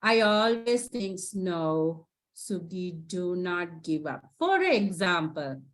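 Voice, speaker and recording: Fairly low-pitched yet very animated, she speaks slowly while lecturing students. The presenter is a psychotherapist from Sri Lanka, a native Sinhala speaker with a Sri Lankan accent, whose encouraging talk is peppered with "right?"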